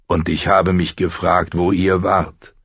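A man's voice: sits low, level tone, slow pace, vocal fry, a bit bright, slightly rough, no echo, dull audio, heavily acted. A man reading aloud voices a scornful male knight of a royal guard, speaking in a challenging way.

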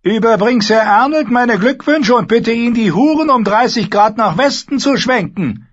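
A man voicing a sharp-tongued dwarf lord giving curt orders in battle. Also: very high-pitched, expressive, moderate pace, voice pushed up. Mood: commanding. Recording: slightly dull lo-fi recording.

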